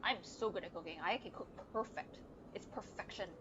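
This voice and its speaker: A woman game streamer gives casual live gameplay commentary, muttering to herself and swearing offhandedly while game music plays. Her medium-pitched voice is fairly quick, and the recording has its highs cut off along with background noise.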